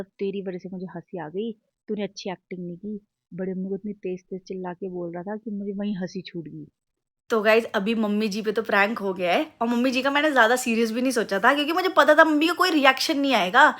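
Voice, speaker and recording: A young woman chatting casually to her viewers in a home vlog, recorded on a phone, giggly and talkative. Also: mid-range voice. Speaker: vlogger. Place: home, kitchen and drawing room. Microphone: phone camera.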